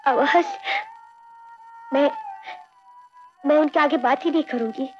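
An actress playing a devoted young wife who pleads earnestly. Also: female voice, high voice, slow, soft background music. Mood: desperate. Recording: dull old film soundtrack with score.

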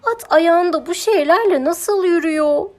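Woman doing Mörlala, a loud stubborn cow. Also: high-pitched, soft background music, voice pushed up, natural voice. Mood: demanding. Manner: loud, exclaiming, drawn-out whines. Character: vain stubborn female cow, demanding and whiny. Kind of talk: children's audiobook character voice.

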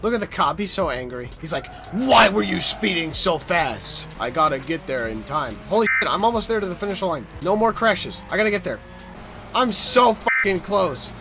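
A man calling out his own racing game as he plays it, casual and loud, often shouting and cursing at the cars. His voice sits high and leaps up and down constantly. Game music plays clearly under him. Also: a little fast. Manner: excitable, swearing, shouting at the game. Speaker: streamer playing a racing game. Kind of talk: casual gameplay commentary.

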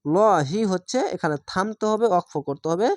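A woman's voice: on the low side, brisk, no room sound. A woman. She spells out each syllable patiently and blends it into the word, drawing out the vowels. The sound is close and dry. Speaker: Quran reading teacher. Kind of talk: slow spelled-out recitation lesson.

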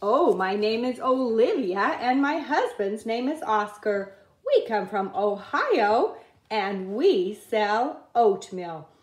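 Slow, careful woman reading aloud. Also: on the high side, sing-song, echoey room. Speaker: reader. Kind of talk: reading a picture book aloud. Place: indoors at a wooden table.

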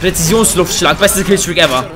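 A young man doing excitable, joking let's play commentary on a headset mic, with bursts of high laughter. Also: fairly quick, over music. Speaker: gaming YouTuber. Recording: faint game gunfire behind.

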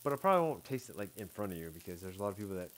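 Low-pitched and sing-song, this man in his thirties talks very fast as he samples fish on a patio outdoors at night. He's a fishing vlogger shooting a casual catch-and-cook video on a head-mounted camera, rambling easily and filling gaps with "like" and "I don't know".

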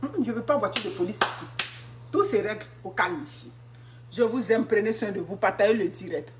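A woman's voice: mid-range voice, background noise. A woman, talking casually to her viewers in a live stream, stressing and repeating her words. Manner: emphatic, repeats words and phrases, drawn-out fillers.

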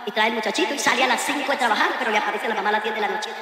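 A woman's voice: a little high, very fast, crowd noise. A middle-aged Colombian woman preaching a sermon, emphatic, repeating phrases and acting out the voices of others. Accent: Colombian Spanish. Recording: echoey church hall, long reverb.

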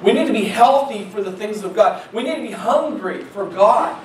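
A male pastor with a high voice preaches in a casual, conversational way, repeating himself and putting questions to the congregation. He sounds like he is picked up from some distance, with the echo of a church room and a faint hiss behind him. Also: expressive, normal speed. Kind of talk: sermon. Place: church sanctuary.

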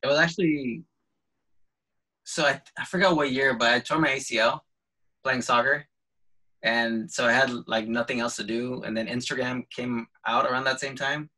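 A man's voice: medium pitch, steady tone, moderate pace, pushed and bright, poor audio. A man talking about his photography on a video call, hesitant and easygoing, with lots of ums and restarts. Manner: hesitant, full of fillers and restarts, laughs lightly. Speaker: photographer guest. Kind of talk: casual video call chat.

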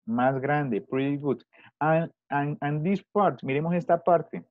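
A man teaching children over a video call, asking the same question again and again with patience. His voice comes through dull and slightly muffled, and it sounds very dry and close. He speaks at an everyday middle pitch. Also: slow pace, no room sound. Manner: patient, repeats questions to pupils. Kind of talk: online English class taught in Spanish.

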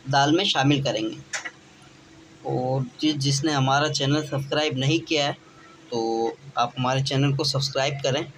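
Chatty man explaining a recipe, noisy kitchen. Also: mid-range voice. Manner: chatty, plain explaining with frequent filler phrases. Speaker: home cooking channel host. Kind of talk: casual step-by-step cooking instructions.

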